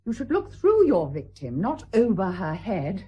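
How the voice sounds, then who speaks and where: In a period radio drama, an actress with a British accent plays a middle-aged estranged wife who is proud, nervous, and wounded, speaking formally and hesitantly. Her voice is medium-pitched and warm, swooping wildly in pitch at a measured pace. She sounds nervous and bitter.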